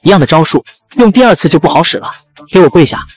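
A male narrator voicing a ruthless middle-aged empress, cold and imperious, speaking fast. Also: lowish voice, lively intonation, darkish tone, soft background music, natural voice. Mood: menacing.

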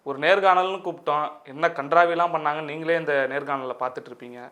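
A man's voice: fairly high pitch, steady tone, fast, a bit bright. A man interviewing a guest, mocking and scolding him in a confrontational way.

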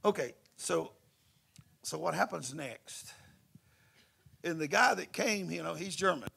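A man preaching a sermon, telling stories in a folksy, animated way at a church service. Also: a little high, a little slow, creaky, slight background noise. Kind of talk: sermon with storytelling.

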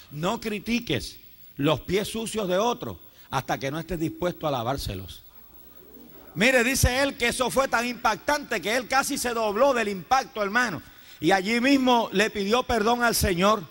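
A man with a Puerto Rican accent preaches a Pentecostal sermon from the pulpit, his voice sitting high for a man. He speaks fervently, calls out to the congregation again and again, and breaks into praise between his points. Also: a bit bright. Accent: Puerto Rican Spanish. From Puerto Rico. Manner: fervent, addresses listeners as "hermano", frequent praise interjections. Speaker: pastor. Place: church sanctuary.

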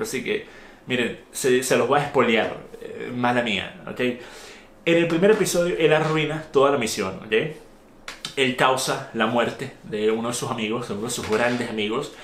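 A man delivers an opinionated review monologue. His voice sits at an ordinary middle pitch, and he presses his points with indignant emphasis and rhetorical questions. The recording carries noticeable room echo. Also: a bit bright, a little hiss or hum. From Venezuela. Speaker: video commentator.

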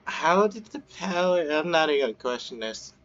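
A man's voice: on the high side, sing-song, brisk, a bit bright, dull audio. A man giving casual let's-play commentary, joking, swearing and talking to the game. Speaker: gameplay commentator.

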